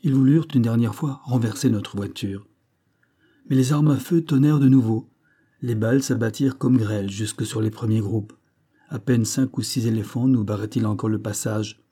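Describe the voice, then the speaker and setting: A man narrating a classic adventure novel as an audiobook, in a steady, measured storytelling manner. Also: medium pitch, breathy edge.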